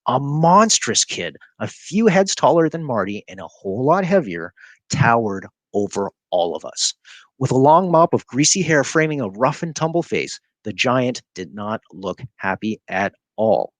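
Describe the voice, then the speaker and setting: A man reading a children's story aloud, expressive and animated. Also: medium pitch, unhurried, no room sound. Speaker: reader.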